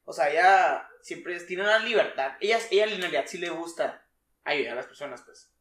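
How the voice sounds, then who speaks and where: A man's voice: a little high, expressive, brisk, a bit bright, echoey room. A young man with a Mexican Spanish accent co-hosting a casual podcast chat, slangy and swearing freely. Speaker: podcast co-host.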